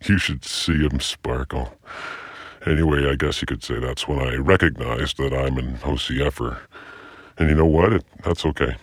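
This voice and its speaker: Anonymous male confessor, disguised deep altered voice, husky and dry, sheepish testimony. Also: moderate pace, no echo. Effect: disguised deep voice, altered to hide identity. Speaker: interviewed fisherman.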